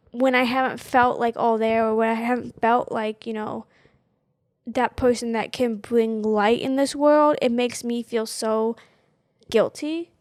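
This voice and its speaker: A woman's voice: on the high side, no echo, clean studio sound. A woman who can't quite say her R's, which come out like W, chatting casually and emphatically with a fired-up opinionated streak. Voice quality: speech impediment on R sounds, which come out soft like W. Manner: emphatic, fired up, mild swearing.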